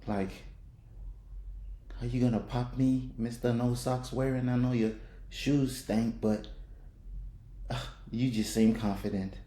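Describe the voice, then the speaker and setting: Slow, dark-voiced man joking in a roomy echo. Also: medium pitch. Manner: joking, slangy. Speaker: video reactor. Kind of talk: casual reaction commentary.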